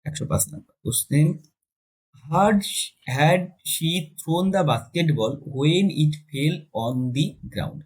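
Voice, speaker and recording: A man teaching English grammar for exams, with a slightly high, husky voice. He explains each point step by step, asking his own questions and answering them. He slows right down when reading out example sentences. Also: expressive, darkish tone, low-quality recording. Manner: switches between Bengali and slowly dictated English. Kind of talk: exam-prep grammar lesson.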